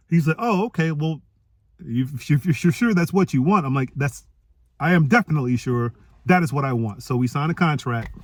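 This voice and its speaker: A man telling a personal story to an audience, acting out the dialogue with lively jumps in his voice. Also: no echo. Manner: animated, acts out quoted dialogue with pitch jumps. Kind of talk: storytelling talk.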